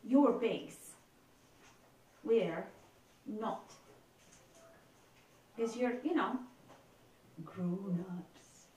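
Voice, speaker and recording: A woman's voice: medium pitch, extremely slow, pauses often, darkish tone. A woman voicing a young dwarven girl who bosses a gang of street kids, with a put-on Scottish accent and a brash, streetwise manner. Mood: explaining. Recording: echoey room, distant mic.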